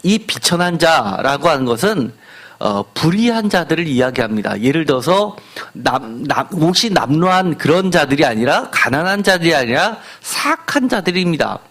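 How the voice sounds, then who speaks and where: A man's voice: fairly high pitch, sing-song, normal speed, a bit bright. A man preaching a sermon as pastor, putting rhetorical questions to the congregation.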